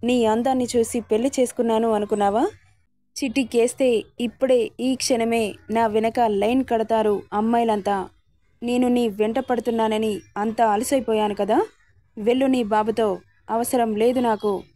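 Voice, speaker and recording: A woman's voice: a little high, fairly even intonation, normal speed, mellow, dry recording, close to an everyday voice. Woman reading as a harsh angry young husband. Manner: harsh, scolding.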